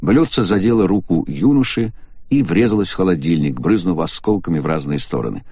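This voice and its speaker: A man narrating a novel as an audiobook in an expressive, measured way. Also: deep voice, breathy edge, no room sound, studio quality.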